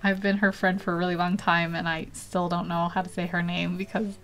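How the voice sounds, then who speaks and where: A woman's voice: on the low side, flat delivery, fairly quick, fairly bright tone. Chatty, giggly woman narrating her painting. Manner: chatty, laughs often, rambling with fillers. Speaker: digital painting livestreamer. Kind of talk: casual live painting commentary.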